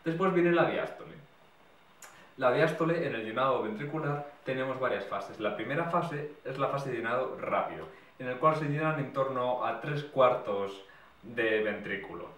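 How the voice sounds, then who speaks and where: A man's voice: medium pitch, a bit bright. A man giving a medical exam lesson, explaining step by step and recapping in short lists. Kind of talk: explanatory lecture. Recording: echoey room, mic at a distance.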